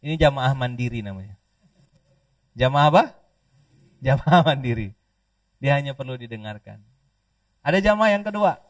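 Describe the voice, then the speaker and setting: A man from Pontianak, Indonesia, preaching a lively sermon, joking and leading call-and-response with the audience. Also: medium pitch, normal speed, pauses often, no echo. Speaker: Islamic preacher. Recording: dry, distant mic.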